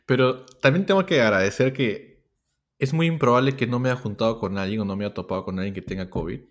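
A man's voice: mid-range voice, fast talker. A man co-hosting a podcast in casual chat, easygoing and agreeable. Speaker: podcast co-host.

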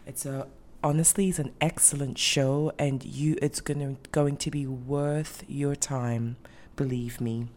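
A woman's voice: very deep voice, fairly even intonation, measured pace, a little mellow. A woman from Ghana hosting a faith podcast, talking earnestly and with many ums and restarts. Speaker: podcast host. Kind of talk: casual faith podcast monologue.

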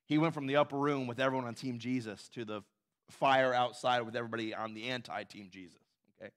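A pastor preaches a sermon conversationally, often asking "right?" and acting out quotes in a raised voice, his manner animated. His voice is medium in pitch and fast.

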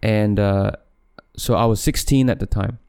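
A young man talks loosely and unhurriedly on his podcast, circling back and correcting himself mid-sentence with easy laughs. His voice sits a little low, mellow and smooth in tone. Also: fairly even intonation, unhurried. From Malaysia. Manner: rambling, self-correcting, laughs often. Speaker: podcast host. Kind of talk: casual solo podcast chat. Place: home room, camera set back.

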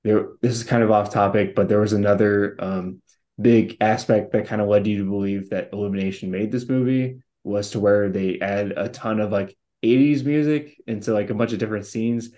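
A man's voice: fairly low pitch, fairly even intonation, normal speed, mellow. A man co-hosting a podcast, chatting casually and rambling with many fillers and restarts. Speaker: podcast co-host. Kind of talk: casual chat.

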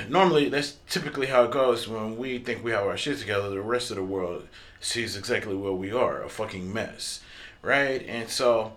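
A man hosting a podcast, telling a story in a loose, profane, casual way with many fillers and throat clearing. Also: on the low side, a bit bright. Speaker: podcast host.

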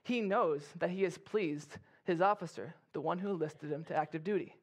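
A pastor preaching in a relaxed, conversational way. His voice sits a little high for a man, and he slips into playful asides as he acts out quoted characters. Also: moderate pace. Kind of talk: sermon.

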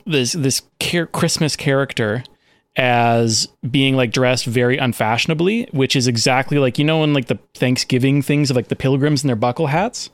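A man's voice: mid-range voice, moderate pace, no echo. A man hosting a comedy podcast, chatting casually and profanely with many fillers. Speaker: podcast host.

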